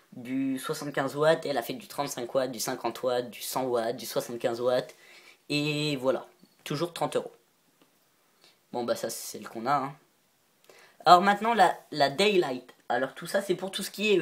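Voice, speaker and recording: A man making a casual show-and-tell vlog about reptile lamps. He rambles, giggles often and admits when he is unsure. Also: a little high. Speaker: reptile-keeping video maker.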